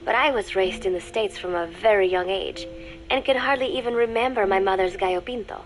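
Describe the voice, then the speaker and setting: Woman doing a young spy girl faking sweet schoolgirl, cold and calculating, reads her diary all dry and measured, soft music way back. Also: mid-range voice, natural voice, rough recording. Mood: calm. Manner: cool, measured, quietly sardonic. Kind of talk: diary narration in a game.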